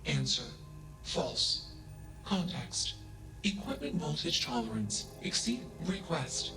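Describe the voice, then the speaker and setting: A flat, emotionless AI. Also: male voice, fairly high pitch, slow, vocal fry, exaggerated voice. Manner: flat, emotionless, clipped keyword speech. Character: emotionless male AI mind, cold and literal. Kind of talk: video game dialogue. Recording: echoey game audio over music.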